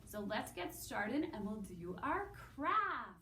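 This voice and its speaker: Hosting story time at a public library, a woman tells stories and sings to young children, sing-song and encouraging, asking questions and pausing for answers. Her voice is very lively and slightly high. The audio is roomy and echoing, captured from a distant microphone, with a noisy background.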